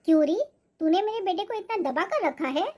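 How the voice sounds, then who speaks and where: A woman's voice: very high-pitched, lively intonation, brisk, darkish tone. A woman voicing a strict, controlling middle-aged mother-in-law who scolds sharply, for a cartoon. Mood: scolding. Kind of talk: cartoon voice acting.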